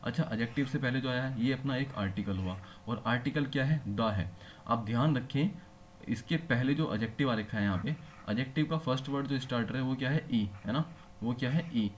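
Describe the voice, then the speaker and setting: During a classroom lecture, a man with an ordinary mid-range voice patiently explains each point and regularly pauses to ask his listeners quick questions to check they're keeping up. Faint background noise sits beneath his speech.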